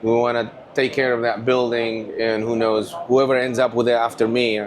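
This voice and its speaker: A man from Tunisia, telling stories as an animated guest in a casual interview. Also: mid-range voice, moderate pace. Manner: animated, rambling storyteller. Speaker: whiskey company owner, guest.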